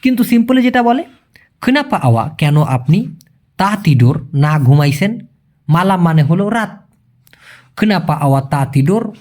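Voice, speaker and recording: A man with a slightly raised voice runs a relaxed spoken language lesson, talking to the viewer like a brother. He explains each sentence step by step and slows almost to a crawl whenever he spells out a new phrase. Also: high voice. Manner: addresses the listener as brother, chatty and colloquial. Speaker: language teacher.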